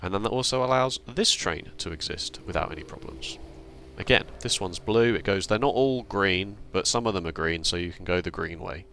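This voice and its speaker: A man's voice: deep voice, moderate pace, vocal fry, fairly bright tone, slight background noise. A man hosting his gaming channel, explaining his setup step by step in casual commentary with dry, self-deprecating humour. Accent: British. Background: faint background music.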